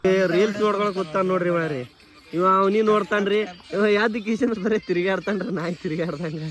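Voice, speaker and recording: A man's voice: high-pitched, fairly even intonation, quick pace, music in the background. A young man, narrating a comic sketch with teasing, mock-exasperated remarks.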